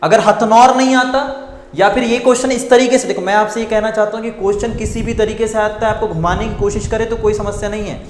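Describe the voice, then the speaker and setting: A man's voice: high-pitched, steady tone, fast, a little hiss or hum. Echoey man drilling exam answers. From India. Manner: repetitive, quizzes students and answers himself. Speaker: teacher. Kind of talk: exam coaching lecture.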